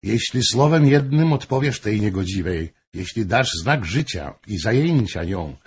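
A furious, jealous royal mistress, put on by a male audiobook reader hurls accusations and threats in a husky, strained voice. The delivery is heated and pressing, raised a little above his narrating tone. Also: on the low side, animated, measured pace, a little mellow, full character voice. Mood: threatening. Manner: impassioned, accusing outbursts.

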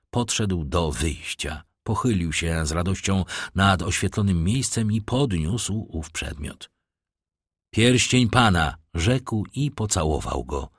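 A man reading a classic novel aloud as an audiobook narrator, with expressive, dramatic storytelling. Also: deep voice, breathy edge, dry recording, studio quality.

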